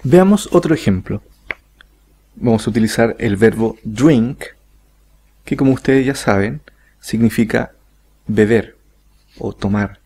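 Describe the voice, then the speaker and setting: Slow, gravelly-voiced male teacher. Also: medium pitch, darkish tone. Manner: slow, deliberate, repeats example sentences. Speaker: English teacher. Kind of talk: online grammar lesson.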